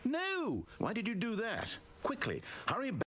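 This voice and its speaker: A fussy, theatrical game narrator. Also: male voice, wildly swooping pitch, normal speed, a bit bright, slight background noise, full character voice. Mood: guiding. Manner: precise, theatrical delivery with wild swings in pitch. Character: fussy controlling male narrator, proud of his story. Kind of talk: scripted video game voice acting.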